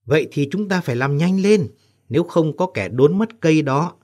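A man's voice: a little high, lively intonation, moderate pace, a little mellow, pitched above the performer's own voice. A man voicing a hasty, worried middle-aged village husband in an audiobook story. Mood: urgent.

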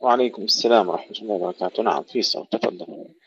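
A man teaching Quran recitation in an online lesson, patiently correcting a student and stretching out model verses slowly. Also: lowish voice, a bit bright, slight background noise. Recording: dull, dry online call audio.

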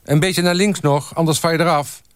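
A man's voice: fairly even intonation, a little fast, smooth, no room sound, clean studio sound, natural voice. A man reading aloud from a novel, voicing a cheerful photographer who calls out to a group posing for a photo. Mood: calling out. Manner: calling out loudly, high-pitched.

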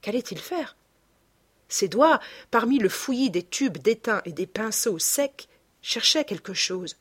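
A woman doing scripted narration of a classic novel in a measured way that often drops to a hush. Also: mid-range voice, husky. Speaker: audiobook narrator.

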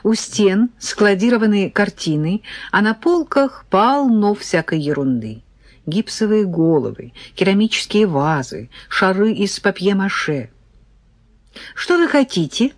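A woman narrating a first-person audiobook story in a lively, expressive way. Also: mid-range voice, measured pace, no room sound.

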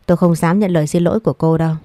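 A woman's voice: fairly low pitch, fairly even intonation, very fast, mellow, dry recording, studio quality, natural voice. A woman voicing a domineering, scornful older mother in an audio story, speaking in a scolding tone. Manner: scolding, contemptuous.

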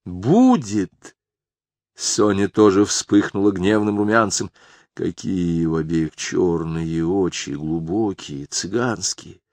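Slow, low-voiced man reading a novel. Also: a little mellow, no echo. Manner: measured, unhurried storytelling. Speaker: audiobook reader. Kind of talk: scripted literary narration.

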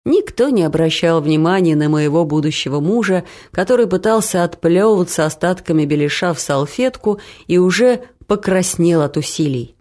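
A woman narrates a comic story in a lively, expressive reading. Her pitch rises and falls widely through the telling. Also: moderate pace, hardly any pauses. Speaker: audiobook reader.

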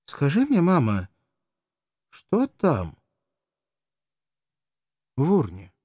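A man doing a little girl's high plea. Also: huge pitch swings, drawn-out words, darkish tone, breathy edge, dry recording, clean studio sound, exaggerated voice. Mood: childlike plea. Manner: high, childlike falsetto. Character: little girl, innocent and pleading.

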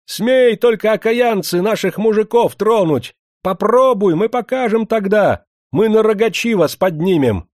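A man voicing a crowd of angry factory wives, shouting threats in a high, strained voice. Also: animated, a little slow, hardly any pauses, no echo, studio quality. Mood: defiant shouting. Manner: shrill defiant shouting.

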